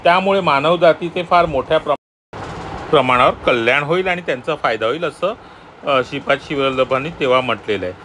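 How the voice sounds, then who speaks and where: A man comments on a sacred text in a patient, explanatory way. He reads a passage, then repeats and rephrases it. His voice sits a little high, and faint street traffic hums behind him. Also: fairly quick, pushed and bright. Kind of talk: devotional scripture commentary.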